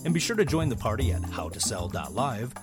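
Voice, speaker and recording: A man announcing a show intro with scripted, emphatic promotional narration in a sales-pitch style. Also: sing-song, brisk. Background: loud music bed.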